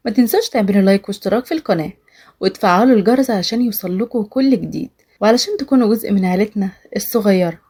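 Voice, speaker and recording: A woman with an Egyptian accent narrating a dramatic animated story. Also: medium pitch, husky. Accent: Egyptian Arabic. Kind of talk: scripted narration.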